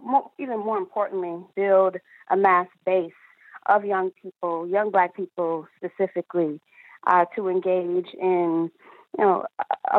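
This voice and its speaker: A woman's voice: mid-range voice, no room sound. Young woman interviewee on a tinny phone line. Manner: halting, searching for words. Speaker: activist organizer and interview guest. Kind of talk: reflective interview answer.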